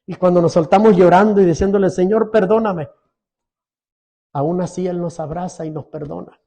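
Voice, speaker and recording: High, mellow-voiced pastor preaching a sermon. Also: male voice, steady tone, normal speed. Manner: earnest, pleading, asks the congregation questions.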